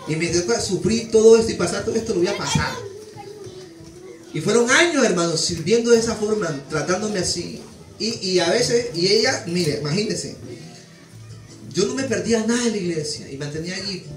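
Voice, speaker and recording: Male preacher, high voice, heartfelt testimony style, picked up from a distance with music underneath. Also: echoey room. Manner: emotional, keeps addressing listeners as "hermano". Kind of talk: sermon testimony. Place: church.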